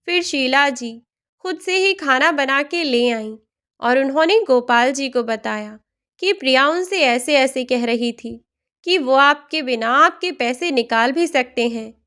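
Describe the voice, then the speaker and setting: A woman narrating a family moral story in a steady, plain storytelling manner. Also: sits high, measured pace, smooth.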